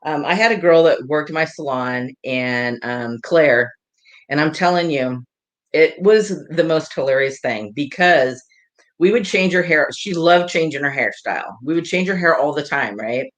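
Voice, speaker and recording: A woman's voice: deep voice, lively intonation, moderate pace. A woman hairdresser giving a live hair tutorial, chatting and laughing with viewers in a rambling way. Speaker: hairdresser and salon owner.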